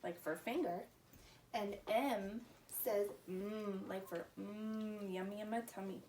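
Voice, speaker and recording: A woman with a mid-range, steady, slightly mellow voice hosts a preschool story time at a slow pace, mixing a children's lesson with a read-aloud. She talks to young children in a sing-song teacher's manner, asking simple questions. The mic is distant and roomy, with faint noise.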